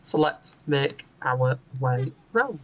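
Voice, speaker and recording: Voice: medium pitch, expressive, slow, a bit bright, a little hiss or hum, rough recording. A bus simulator channel host giving casual gameplay commentary from home, chatty and explanatory, with frequent "um" fillers. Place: home room with a window onto a street.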